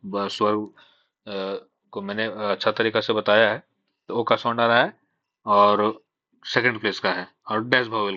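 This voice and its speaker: Teaching shorthand in Hindi laced with English terms, this man has a low-ish, bright voice and a forceful tone. He patiently breaks things down step by step, raising questions and then answering them himself. The lo-fi recording has no room sound.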